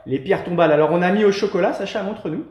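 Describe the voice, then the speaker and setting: A host leading a casual home cooking demonstration, gently encouraging children as they help, with a relaxed, hesitant delivery. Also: medium pitch, very fast, highs cut off. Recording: echoey room with faint noise.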